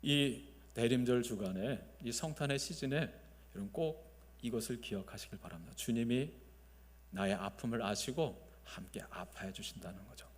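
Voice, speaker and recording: A male pastor preaching a Sunday sermon, swinging between loud emphasis and soft, quiet phrases, and leading the congregation to repeat after him. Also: medium pitch, moderate pace. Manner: leads the congregation in call-and-response. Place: large church sanctuary. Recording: long reverb of a church sanctuary.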